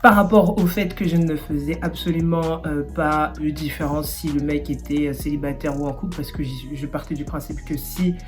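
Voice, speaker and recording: A young woman tells a casual storytime in a fairly low voice, animated and slangy, with frequent fillers. She records without a separate microphone, so the sound is plain and unpolished. Soft music plays faintly underneath. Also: moderate pace, hardly any pauses. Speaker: vlogger telling a story. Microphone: no external microphone.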